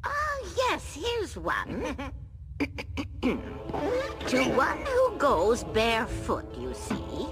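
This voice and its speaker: A woman's voice: high voice, wildly swooping pitch, drawn-out words, pauses often, heavily acted. A woman voicing a dotty old female animal auntie in a cartoon dub, sing-song and sleepy. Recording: loud music under the dialogue.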